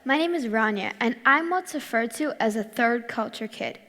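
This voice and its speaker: A teenage girl from Morocco and Australia giving a clear, rehearsed talk on stage. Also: a little high, animated, moderate pace, pushed and bright, long reverb tail. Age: teens. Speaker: youth speaker. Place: large hall.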